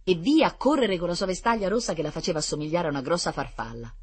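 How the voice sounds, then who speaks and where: A storyteller reading a children's book aloud, animated and adding playful asides. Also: medium pitch, quick pace, breathy edge.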